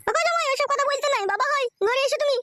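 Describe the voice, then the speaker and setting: A woman's voice: extremely high pitch, very fast, fairly bright tone, no room sound, studio quality. A woman voicing a fussing older village mother-in-law in a cartoon, coaxing in a wheedling way. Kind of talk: cartoon voice acting.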